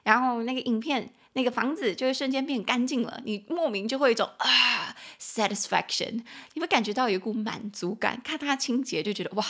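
A woman with a Taiwanese Mandarin accent hosting a casual English lesson podcast, chatty and playful, spelling out words slowly and jumping into lively acted quotes. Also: fairly high pitch. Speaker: podcast host teaching English.

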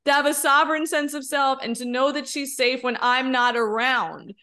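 Emphatic woman podcast co-host, higher voice. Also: normal speed. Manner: emphatic and expressive, with frequent rhetorical "right?"; candid, occasionally swearing. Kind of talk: casual podcast conversation.

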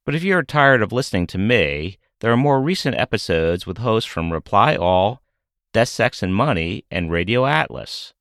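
A man's voice: lowish voice, sing-song, moderate pace, fairly bright tone, no room sound. A middle-aged man hosting a podcast, reading scripted narration with a wry, self-deprecating manner. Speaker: podcast host.

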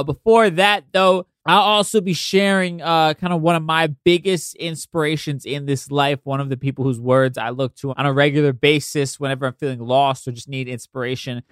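A man's voice: fairly high pitch, normal speed, fairly bright tone, clear, resonant tone, no echo, clean studio sound. A man with a nasal, congested voice hosts a podcast, talking casually with swearing and conversational asides. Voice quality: nasal, stuffed-up. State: congested from allergies. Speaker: podcast host.

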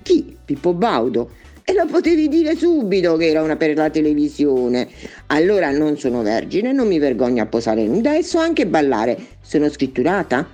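A woman's voice: deep voice, big pitch swings, moderate pace, mellow, soft background music. A woman voicing a brash, sarcastic young woman in a comic reading. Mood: cheeky. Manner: cheeky, sarcastic. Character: brash, mouthy young woman who wants to be on TV.

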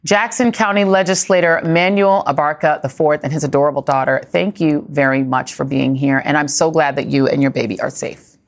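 A woman anchoring a live news program with a somewhat low voice. She asks pointed, probing questions and presses guests for answers. Her delivery is direct and purposeful. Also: fairly even intonation, fairly quick. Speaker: TV news host.

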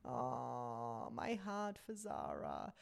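A woman's voice: rumbling low, drawn-out words, vocal fry. A woman recapping a reality show in casual chat, acting out the people she quotes. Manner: animated, acts out quotes in put-on voices.

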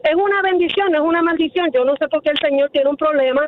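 A woman on a radio talk show states her views firmly and without hedging. Her voice is very high. It comes through a narrow, phone-like band. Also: fast talker. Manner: firm, opinionated.

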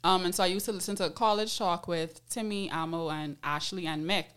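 A woman with a Bahamian accent hosts a podcast, chatting casually and candidly telling stories in lively, slangy language. Her voice sits fairly low, she talks fairly quickly, and the tone is clean.

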